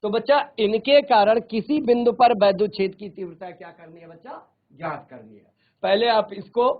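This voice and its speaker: High-voiced male physics teacher, tinny sound. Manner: repeats phrases slowly, often addresses students as children; mixes English terms into explanations. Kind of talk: virtual classroom lecture. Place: studio classroom.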